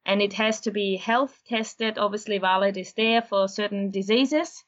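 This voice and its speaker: A woman from Austria, a horse breeder interviewed as a guest, explaining things in a steady, unhurried way. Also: mid-range voice, highs cut off. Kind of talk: casual interview.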